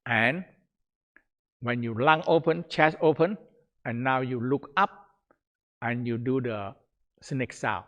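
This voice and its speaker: A man leading a Taoist breathing exercise and teaching, calm and repetitive, often trailing off softly at the ends of phrases. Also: mid-range voice, muffled recording. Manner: slow, calm, repetitive, chanting phrases in a dropping soft voice. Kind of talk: guided breathing exercise instruction.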